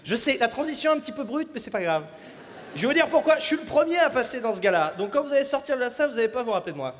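A young man from France with a very high voice delivers a stand-up routine on a festival stage, jumping between characters in animated bursts. The sound carries the long reverb of a large hall, with a faint audience murmur behind him. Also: a little hiss or hum. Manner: animated, acting out characters in quick shifts of voice. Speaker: stand-up comedian. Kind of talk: stand-up comedy set. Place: comedy festival stage before a live audience.

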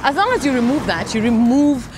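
A woman's voice: fairly high pitch, sing-song, fairly quick, background noise. A woman in her thirties, a show host, giving upbeat fitness tips while walking outdoors on a suburban street. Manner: upbeat, instructive, laughs easily. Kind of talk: coaching chat while walking.

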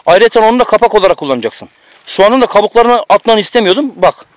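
A man's voice: high-pitched, lively intonation, fast talker, dry recording. A man cooking outdoors on a mountain, giving teasing, bossy instructions to a friend in casual chat, recorded on a camera mic. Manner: bossy, teasing running commentary.

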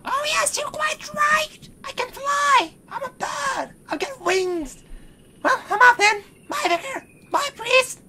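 A woman's voice: very high voice, takes it slowly, background noise. A woman with a British accent playing a flustered, tipsy woman who can't find her car, rambling and swearing. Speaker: comedy sketch performer.

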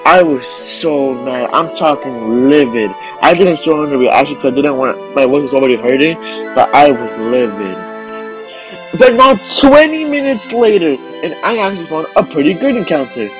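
A man's voice: a little high, expressive, moderate pace. A young man narrating a casual voice-over about his game hunting luck. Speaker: gaming YouTuber. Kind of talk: recorded vlog voice-over. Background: background music.

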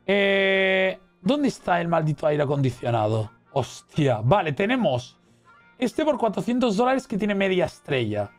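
A man with a Spain Spanish accent giving excitable, exclamatory let's play commentary as a gaming streamer. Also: high-pitched. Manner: excitable, exclamatory, cheering and reading chat aloud.

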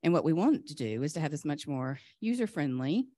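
A woman presenting a rushed lightning talk at a conference, enthusiastic and chatty, often interrupting herself in a flustered way. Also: sits low, big pitch swings, warm tone, no echo, studio quality. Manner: flustered, chatty self-interruptions while juggling laptop. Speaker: conference speaker, software vendor presenter.

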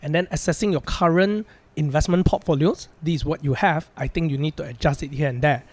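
A man's voice: fairly high pitch, fairly quick, slight background noise. A man in his thirties with a Malaysian accent, explaining things casually and practically as a financial planner on a podcast. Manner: practical, plain-spoken.

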